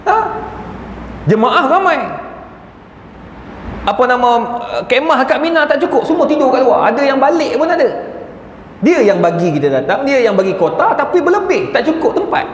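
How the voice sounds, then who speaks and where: A man with a Malaysian Malay accent giving a lecture in a large hall, telling animated stories and acting out the people in them. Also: very high-pitched, normal speed, long pauses, slight background noise. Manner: animated anecdotes, acts out quoted voices. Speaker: religious lecturer. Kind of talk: mosque lecture with storytelling. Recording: echoey hall with faint ambience.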